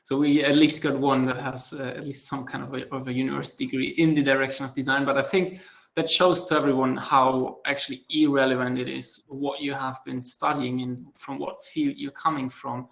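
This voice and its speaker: A man hosts a casual panel over a video call, friendly and halting, often doubling his words as he feels his way into a question. His voice sits in an ordinary middle range with a noticeably gravelly edge. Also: mid-range voice, little pitch movement, a bit bright. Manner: friendly, hesitant, repeats words while asking questions. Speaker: panel moderator.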